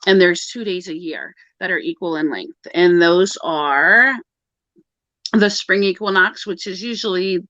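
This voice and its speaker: Speaking at a measured pace, this woman has a lowish, animated voice with a sharp tone. She co-hosts a pagan livestream, laughing often and rambling in a casual live video-call group chat. The recording is dull and dry, with no room sound.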